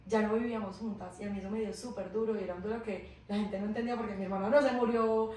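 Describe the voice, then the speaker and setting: A woman podcast host, chatting casually, telling personal stories and quickly agreeing with her guest. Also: medium pitch, steady tone, warm tone. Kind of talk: casual chat. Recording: roomy echo, mic at a distance, faint hiss.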